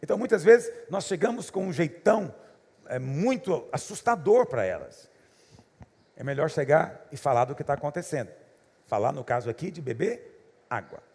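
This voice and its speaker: A man's voice: on the high side, sing-song, moderate pace, darkish tone, husky. A man preaching as a pastor, telling funny stories in a chatty way and chuckling often. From Goiás, Brazil. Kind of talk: humorous preaching with anecdotes. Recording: long hall reverb.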